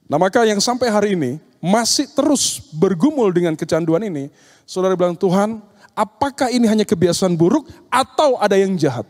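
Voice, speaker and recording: A man with a high, darkish voice speaks at an occult seminar, giving a sermon full of stories in which he acts out dialogues with demons and youths. The recording has the long reverb of a large hall.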